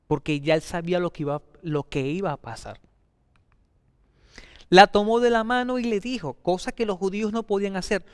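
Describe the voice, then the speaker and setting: Male preacher, high and smooth voice, emphatic sermon delivery, long reverberant hall. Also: clean studio sound. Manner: emphatic, repeats key phrases with swings of pitch and loudness.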